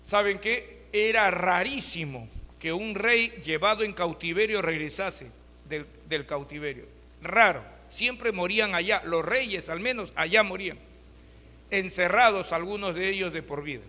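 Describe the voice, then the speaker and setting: A man's voice: sits high, a little slow, sharp tone, in a large hall. A pastor delivering a sermon, who keeps asking his listeners rhetorical questions and calls them brothers. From Peru.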